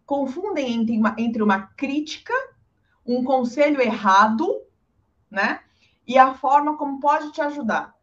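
In a dull lo-fi recording, a woman chats casually while giving advice, animated and often acting out what others said. Her voice is high-pitched and her pace a little slow.

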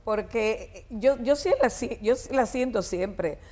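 An older Dominican woman, a guest singer with a Dominican accent, reminisces in an interview full of fillers and restarts. Her voice is fairly high and dark in tone, and she takes her time speaking.

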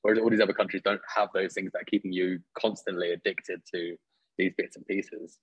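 A man hosting a podcast, talking in a relaxed, chatty way with easy restarts. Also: sits low, brisk, slightly rough, dull audio. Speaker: podcast host. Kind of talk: casual conversational interview.

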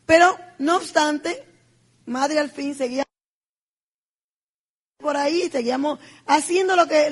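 A middle-aged woman from the Republic, telling a heartfelt personal testimony in an emphatic, repetitive storytelling manner. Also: high voice. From Dominican Republic. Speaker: business speaker.

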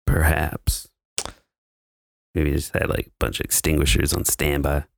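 A man's voice: extremely low pitch, little pitch movement, moderate pace, creaky, dry recording. A man on a podcast, chatting casually and making dry, wry quips. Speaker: podcast co-host. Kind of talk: casual chat.

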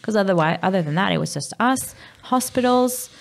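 A woman's voice: mid-range voice, animated, a little fast, creaky, slight background noise. A woman, a mother, talking openly in a conversational interview, with frequent fillers and restarts. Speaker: guest, mother of a sick child.

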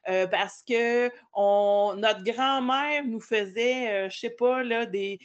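A woman's voice: on the high side, slow, highs cut off. A woman with a Québécois French accent hosting a podcast, chatting casually and affirming her guest often. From Quebec. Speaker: podcast host. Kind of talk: casual interview chat.

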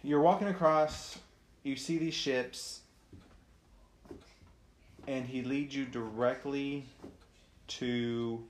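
A woman narrating a family tabletop game as game master, in a casual, halting way with frequent restarts. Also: extremely low pitch. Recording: echoey room with faint noise.

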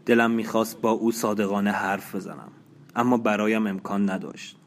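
A man reading a novel aloud as an audiobook, in slow, measured, even narration. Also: fairly low pitch, slight background noise. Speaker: audiobook reader.

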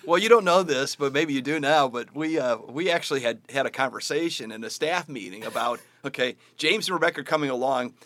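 A man's voice: mid-range voice, a little fast, hardly any pauses, fairly bright tone. A man, a pastor, interviewing a church member in a casual conversation, laughing often and backing him up with frequent yeahs.

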